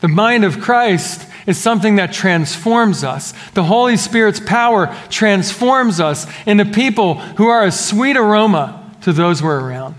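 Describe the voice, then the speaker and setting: A middle-aged man delivers a sermon in a fairly high voice, slightly muffled as he speaks through a face mask. He is earnest and emphatic, moving between raised exhortation and quieter explanation, and his words ring with the long reverb of a large hall. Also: animated, a little slow, hardly any pauses. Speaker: pastor preaching to a congregation.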